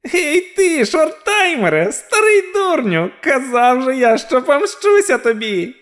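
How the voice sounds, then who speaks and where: Sex: male. Figure: a shrill jeering bald dwarf villain. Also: sing-song, measured pace, a bit bright, heavily acted.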